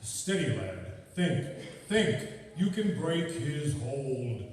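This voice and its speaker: A calm, knowing phantom avenger from a radio play, acted by a man. He speaks slowly and theatrically in a dark tone, heard from a distance in a very reverberant hall. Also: mid-range voice. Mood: urging, steadying. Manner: deliberate, theatrical. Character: mysterious male avenger lurking in shadows, calm, eerie. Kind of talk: old-time radio drama stage acting. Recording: distant, echoey hall, hissy live recording.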